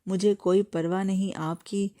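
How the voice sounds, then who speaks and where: A woman's voice: medium pitch, flat delivery, dark tone, close to an everyday voice. A woman voicing an angry, defiant young female student who argues hard, in a storybook reading. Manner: defiant, argumentative.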